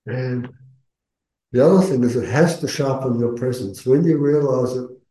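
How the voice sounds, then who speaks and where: A man speaking as a Buddhist meditation teacher, giving earnest, measured spoken teaching with pauses mid-phrase. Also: medium pitch, mellow. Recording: echoey room.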